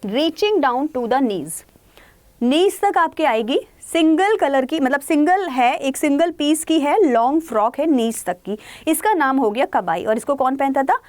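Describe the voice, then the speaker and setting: Lively high-voiced Indian woman teacher. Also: no echo. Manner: explains in Hindi mixed with English, reads text lines slowly; lively, asks and answers her own questions. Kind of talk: online exam-prep lesson.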